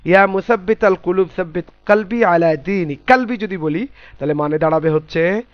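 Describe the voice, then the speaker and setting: High-voiced patient male Quran teacher. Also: no room sound, highs cut off. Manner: patient, spells out sounds slowly and repeats them. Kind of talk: online class teaching letter pronunciation.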